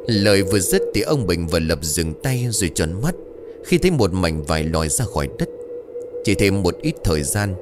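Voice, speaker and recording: A man narrating a ghost story in a dramatic, scripted storytelling manner. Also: low voice.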